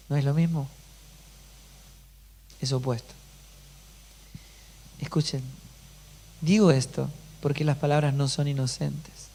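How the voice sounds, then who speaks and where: A man with a rather high, darkish voice preaches as a pastor, delivering an emphatic sermon and frequently putting rhetorical questions to the congregation.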